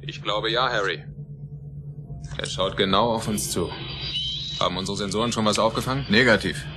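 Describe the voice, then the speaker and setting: An actor playing a bold, decisive spaceship captain with dry humour in a German radio play. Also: male voice, on the low side, steady tone, moderate pace, close to an everyday voice. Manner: commanding, clipped orders, wry. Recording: music bed under the dialogue.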